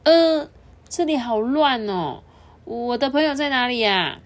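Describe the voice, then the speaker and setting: A woman voicing a lonely little red button in a children's story, high and childlike. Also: expressive, measured pace. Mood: eager.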